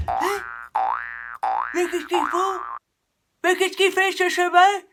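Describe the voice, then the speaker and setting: A woman doing a gruff, grumpy park keeper. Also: extremely high pitch, flat delivery, slow, background noise, pitched above the performer's own voice. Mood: indignant. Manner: barking indignant shouts.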